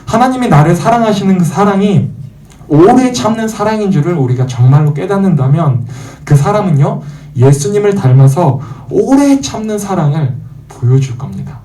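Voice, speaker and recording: A young man preaching a Sunday sermon as pastor, putting questions to the congregation and acting out what doubters and mockers say. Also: sits high. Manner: animated, acts out quoted voices of churchgoers and mockers; asks the congregation questions and answers them himself. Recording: echoey room, voice from far off the mic.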